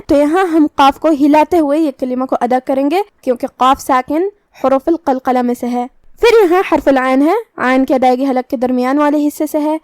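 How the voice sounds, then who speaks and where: A woman teaching Quran recitation, calmly explaining each letter and its rule, then reciting slowly. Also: high-pitched, no room sound. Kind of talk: tajweed lesson with slow recitation.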